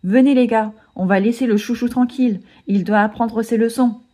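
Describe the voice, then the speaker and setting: A woman's voice: fairly low pitch, big pitch swings, fairly quick, warm tone, breathy edge. A woman voicing a tough, hot-headed schoolboy who talks bluntly and aggressively.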